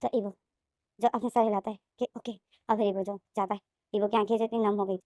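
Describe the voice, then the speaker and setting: A woman narrating a fan fiction story recap in a brisk, repetitive storytelling manner. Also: medium pitch, flat delivery, darkish tone, no room sound, studio quality.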